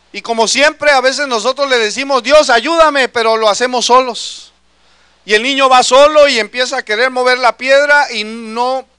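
A man's voice: very high-pitched, bright, forceful tone, smooth, no room sound. A man preaching a sermon in an earnest way, calling his listeners brother.

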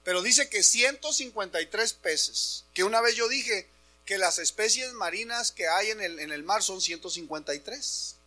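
A male preacher delivers an animated Easter sermon to his congregation. His voice sits high and sounds bright and forceful, and he often raises it to make a point. A faint mains hum runs under the church recording. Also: normal speed. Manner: animated, addresses congregation as brothers, shouts for emphasis. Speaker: pastor.

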